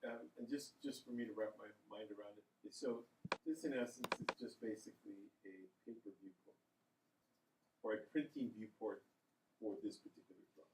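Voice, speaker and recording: A man's voice: fairly low pitch, steady tone, normal speed, darkish tone, a little hiss or hum. A male student hesitantly thinking aloud while asking the instructor a question. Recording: roomy, from across the classroom.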